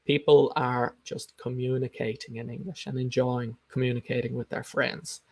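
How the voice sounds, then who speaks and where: A man's voice: medium pitch, level tone, moderate pace, vocal fry, no room sound. A man coaching English learners in an informal live lesson, explaining in an emphatic, instructive way and repeating his key points. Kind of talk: informal live teaching talk, explaining and answering comments.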